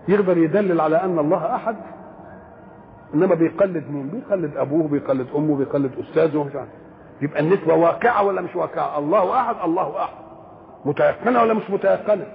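A high-pitched, gravelly man with an Egyptian Arabic accent gives a religious lecture. He asks his own questions, then answers them, and recites verses slowly. The sound is tinny and phone-like, with a faint hiss. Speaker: Quran commentator.

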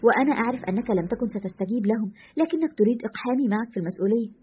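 A woman's voice: a little high, expressive, very fast, husky, lo-fi sound. A woman voicing an earnest, respectful young man who produces a radio show, in a storybook reading.

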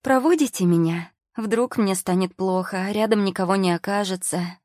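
A woman's voice: medium pitch, normal speed, darkish tone, dry recording, voice pushed up, lightly acted. A woman reading an audiobook, voicing a cheerful, lighthearted heavily pregnant young woman who laughs things off, in a dry close recording. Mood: bubbly.

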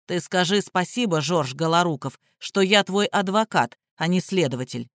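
A reader voicing a stern male lawyer and former policeman who booms and barks orders. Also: expressive, normal speed, no room sound, clean studio sound, lightly acted. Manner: booming, barking orders.

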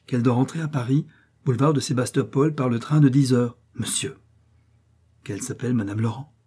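A man reading the part of a calm, assured detective's agent who explains things in a measured, reassuring way. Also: medium pitch, breathy edge, lightly acted.

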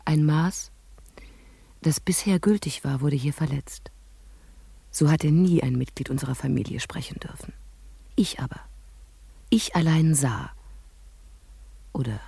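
An actress voicing a haunted young prophetess in a radio play, narrating in the first person with intense delivery that sinks into whispers. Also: female voice, sits low, creaky, breathy edge, no room sound, full character voice.

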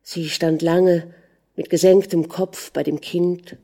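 Audiobook narrator: woman, low and warm, calm measured delivery. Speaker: audiobook reader. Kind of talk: scripted narration.

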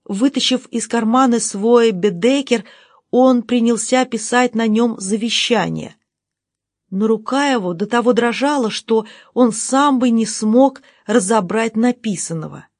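A woman narrating an audiobook in a measured, even reading. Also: fairly high pitch, no room sound, studio quality.

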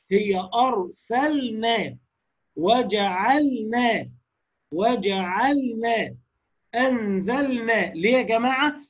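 A man with an Egyptian accent teaching the rules of recitation in a lecture. He explains each rule, asks the class questions and demonstrates words slowly. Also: high-pitched, breathy edge. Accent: Egyptian Arabic. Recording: dull lo-fi recording.

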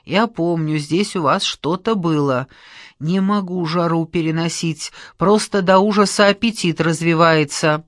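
A woman's voice: on the low side, unhurried, no room sound, clean studio sound, natural voice. A woman reader voicing a greedy, shameless man who mumbles offhandedly. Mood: offhand.

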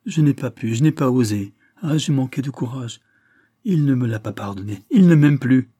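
A man reading aloud voices a frail, lovesick young English lady who pleads in a higher, trembling tone. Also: moderate pace, dark tone, husky, no echo. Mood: distraught.

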